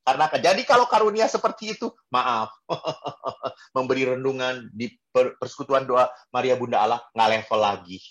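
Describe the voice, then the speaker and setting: Expressive male priest preaching. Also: moderate pace. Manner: expressive, wide swings in pitch and loudness; drops in English phrases. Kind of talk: sermon to a prayer group.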